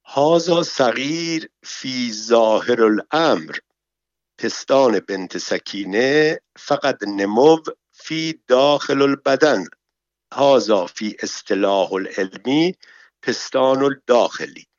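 A man's voice: medium pitch, animated, no echo, dull audio, close to an everyday voice. A man reading a story, voicing a nervous man in disguise who stammers through fumbling broken Arabic. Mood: flustered. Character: nervous man disguised as a bath attendant, flustered.

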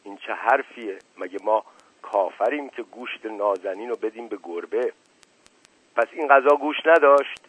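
Testy older uncle, head of the family, read by a man; dry, raspy, narrow radio sound. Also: lowish voice, lively intonation, no room sound. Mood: indignant. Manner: scolding, indignant. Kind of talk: audiobook reading. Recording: narrow phone-like radio recording.

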